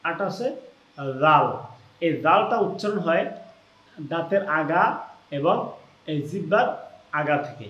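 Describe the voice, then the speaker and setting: High-pitched male teacher, slow drawn-out sound demonstrations, roomy reverb. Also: a bit bright, muffled recording. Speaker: Quran recitation teacher. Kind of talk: step-by-step pronunciation lesson. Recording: echoey room.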